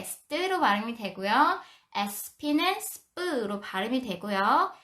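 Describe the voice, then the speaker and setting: A woman teaching English phonics to parents on a live stream, explaining and slowly demonstrating sounds. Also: on the high side, sharp tone.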